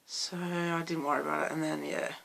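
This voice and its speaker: A young Australian man with a hoarse, croaky voice, chatting loosely in a late-night vlog and rambling through restarts. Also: fairly high pitch, little pitch movement, fairly quick, bright, forceful tone. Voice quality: gravelly fry. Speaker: vlogger.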